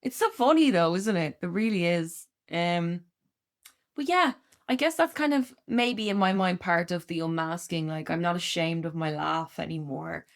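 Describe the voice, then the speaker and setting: Podcast co-host, woman in her thirties, loud giddy delivery, slightly low voice, laughs a lot. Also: expressive, moderate pace. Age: 30s. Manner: candid, laughs often, acts out quoted voices. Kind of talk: casual chat.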